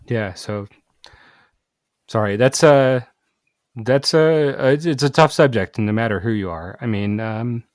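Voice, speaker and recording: A man hosting a podcast, talking in a halting way with many fillers and restarts. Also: mid-range voice, fairly even intonation, dry recording, studio quality. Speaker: podcast host. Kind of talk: casual podcast conversation.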